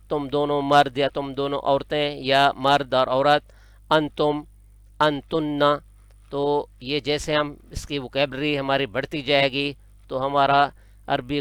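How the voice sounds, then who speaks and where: A man leads an online Arabic lesson, slowly repeating each pronoun twice for his students. His voice sits a little high and is exceptionally smooth and clean. It is recorded close up and dry, with no room sound around it. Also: a bit bright, dry recording. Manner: patient, repeats each word twice for learners. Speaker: Arabic teacher.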